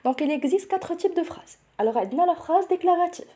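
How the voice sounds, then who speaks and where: A young woman with a Moroccan accent teaching a grammar lesson for an exam. She mixes French with Moroccan Arabic, explains each point step by step and keeps asking if it is clear. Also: very high-pitched, lively intonation, brisk, mellow. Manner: switches between French and Moroccan Arabic, checks in with "c'est bon?". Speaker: teacher preparing students for nursing school entrance exams.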